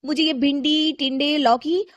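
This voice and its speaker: A woman's voice: steady tone, measured pace, dry recording. A woman voicing a rude, arrogant young housewife who scolds shrilly. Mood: scolding. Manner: shrill, scolding and sharp-tongued.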